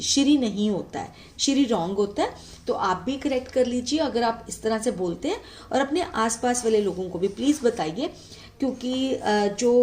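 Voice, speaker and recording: A woman's voice: on the high side, a little mellow. A woman teacher patiently explaining a letter format step by step, often checking in with the listener. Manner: patient, frequent "ठीक है" check-ins.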